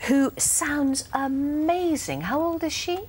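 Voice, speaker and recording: A woman's voice: sits high, expressive, slow pace, a little mellow, slight background noise. A woman interviewing as a chatty morning show host, gushing and prompting with questions.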